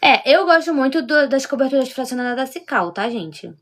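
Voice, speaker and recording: A woman from Rio de Janeiro with a Carioca accent runs a live-streamed cooking demonstration. Her voice sits a little high, and her talk is chatty, often checking in with the people watching. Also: lively intonation, brisk, a bit bright. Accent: Carioca Portuguese. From Rio de Janeiro, Brazil. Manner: chatty, keeps checking in with viewers. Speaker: baking instructor.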